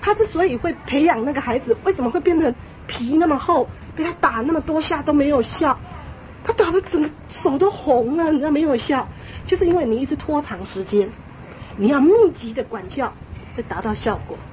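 A woman giving a lecture on parenting to an audience, lively and emphatic, repeating phrases and laughing lightly as she talks. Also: high voice, brisk, a little hiss or hum, rough recording. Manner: frequent small laughs. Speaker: parenting speaker.

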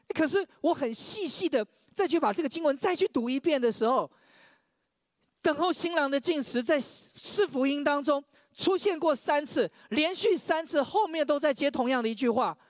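A man's voice: very high-pitched, expressive, moderate pace, no echo, clean studio sound. A man preaching a sermon, sharing his own testimony, often stammering over repeated words and leading the congregation in reading scripture aloud.

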